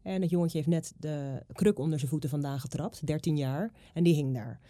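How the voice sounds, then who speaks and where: A woman's voice: deep voice, fairly quick, dark tone, no echo, studio quality. A woman talking openly and earnestly in casual conversation, often adding "weet je wel". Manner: fills speech with "weet je wel", earnest and open.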